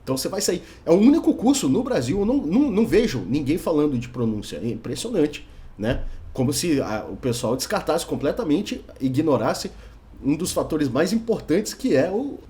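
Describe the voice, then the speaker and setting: A young Brazilian man with a Brazilian Portuguese accent teaches in a relaxed, chatty way. He keeps checking in with a quick "right?" as he goes. His voice sits a little high for a man. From Brazil, Brasília. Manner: chatty, tags many sentences with a questioning "right?". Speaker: English teacher. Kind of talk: casual video lesson.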